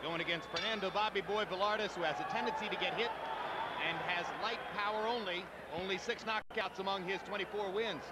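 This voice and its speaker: A man's voice: sits high, fairly even intonation, brisk, heavy background noise. A man giving articulate, emphatic play-by-play commentary as the lead voice of a boxing broadcast. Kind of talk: sports commentary.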